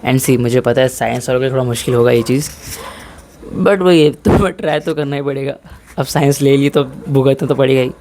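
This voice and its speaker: A young man, a fitness vlogger, hands out casual, blunt advice about the gym and studying in a medium-pitched, darkish voice that runs a little fast. His talk is informal, sprinkled with English, and he keeps calling his listeners "bhai," or brother.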